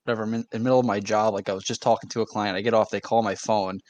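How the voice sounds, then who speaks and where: A man's voice: fairly low pitch, steady tone, very fast, a little mellow, no room sound. A man on a podcast, casually telling a story about a scam call he got at work. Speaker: podcast co-host. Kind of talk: casual chat.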